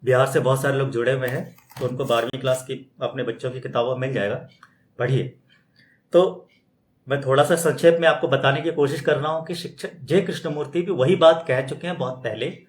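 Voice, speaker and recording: A man with a fairly high voice gives a loose, conversational spiritual talk. He keeps posing rhetorical questions and slips into mimicking other people's objections. The recording sounds roomy and echoey. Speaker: spiritual teacher. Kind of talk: extempore spoken talk. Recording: roomy echo.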